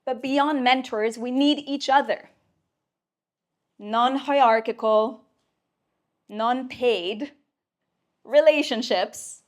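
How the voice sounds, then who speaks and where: A woman giving an inspirational talk to a live audience at a mentoring event, playful and emphatic, with casual swearing. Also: on the high side. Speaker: speaker at a mentoring community event.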